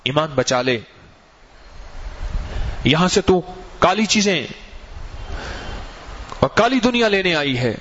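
A man's voice: high-pitched, sing-song, pauses often, fairly bright tone, a little hiss or hum. A man voicing stern hidden spirits who call out from inside a well, giving commanding warnings as part of a told story. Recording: muffled, lo-fi recording.

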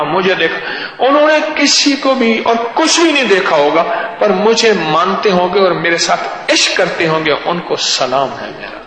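A man preaching a sermon, telling stories and swinging between loud and hushed. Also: high-pitched. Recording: echoey hall.

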